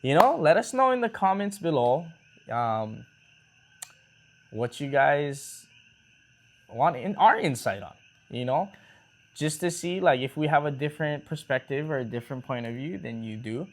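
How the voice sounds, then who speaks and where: A man co-hosting a relaxed talk show with his partner, rambling casually with restarts and easygoing slang. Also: on the high side, moderate pace, long pauses. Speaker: co-host of a couple's talk show. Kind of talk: casual chat.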